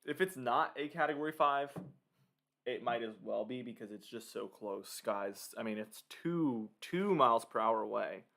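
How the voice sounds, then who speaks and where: A man's voice: medium pitch, normal speed, vocal fry, sharp tone. A man giving casual live hurricane commentary, thinking aloud and talking informally to his viewers. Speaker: livestream weather commentator.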